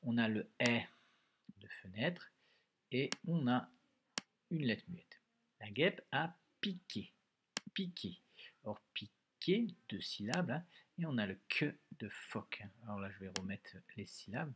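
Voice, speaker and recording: A man teaching a dictation lesson to young pupils, slow and patient, spelling words out syllable by syllable and often adding "hein". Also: mid-range voice, expressive, fairly bright tone, slight background noise. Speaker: primary school teacher. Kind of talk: recorded remote dictation lesson.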